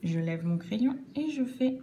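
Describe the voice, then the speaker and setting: A woman teaching children cursive handwriting, explaining each stroke slowly and patiently, step by step. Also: a little high, lively intonation, dark tone, a little hiss or hum.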